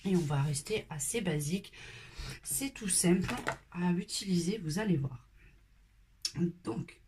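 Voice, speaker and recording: A woman's voice: fairly low pitch, measured pace, noisy background. Casual French woman explaining a coloring tutorial. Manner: casual, relaxed explaining with fillers, sometimes drops to a whisper.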